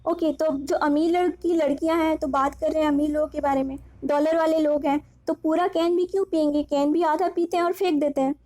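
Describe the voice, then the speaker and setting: A woman's voice: high voice, steady tone, a little fast, few pauses, dark tone. A woman teaching memory tricks for an exam, chatty and repetitive, asking questions and answering them herself.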